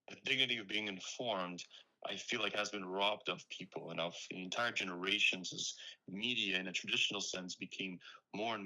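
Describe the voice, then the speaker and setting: A man's voice: sits low, bright, forceful tone, rough recording. A young man from Ukraine, a startup founder being interviewed, explaining his work earnestly with frequent "you know"s. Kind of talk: conversational interview.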